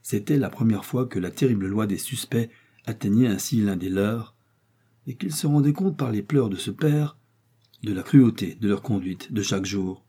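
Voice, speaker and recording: Male audiobook narrator, low voice, husky, mellow tone, measured reading. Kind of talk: audiobook reading of a literary story.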